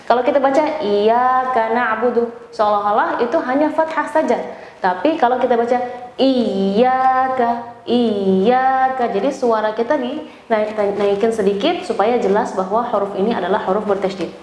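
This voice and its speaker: A woman's voice: a little high, a little fast, darkish tone. An Indonesian-accented woman teaching Quran recitation, encouraging in manner, who over-enunciates and stretches syllables as she demonstrates. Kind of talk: recitation lesson with feedback and demonstrations. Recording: echoey room with faint background noise.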